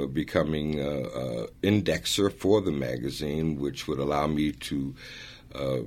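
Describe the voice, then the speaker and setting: Older male guest, extremely deep voice, rambling interview storyteller. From born in Italy, raised in New York. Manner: relaxed, rambling, with many "uh" pauses and chuckles. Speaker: guest singer.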